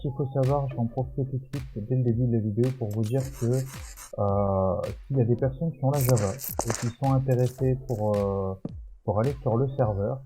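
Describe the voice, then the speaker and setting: Congested from a cold, this YouTuber narrates a Minecraft video in a casual, halting way, stumbling through fillers and restarts. He has a mid-range, dark-toned voice, and music runs underneath.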